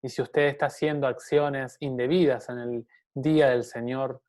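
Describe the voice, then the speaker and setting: A man's voice: medium pitch, steady tone, moderate pace, a little mellow. A man giving a Bible teaching sermon in an earnest tone, speaking straight to the listener and posing rhetorical questions.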